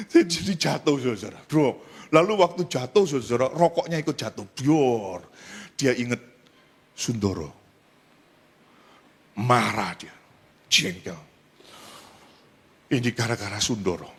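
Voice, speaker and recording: A male pastor with an Indonesian accent preaching a sermon in a church, telling stories, often calling out to the congregation, and jumping from loud high cries to low quiet asides. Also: expressive, slow pace, vocal fry, long pauses, breathy edge. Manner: storytelling with repeated address to the congregation.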